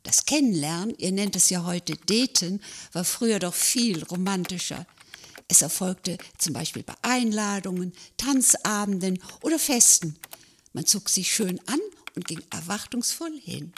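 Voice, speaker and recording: Old lady in her eighties reading her little speech slow and wistful, then asking questions. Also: mid-range voice, expressive, a little hiss or hum. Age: 80s. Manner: measured, wistful reading about the old days. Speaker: podcast host.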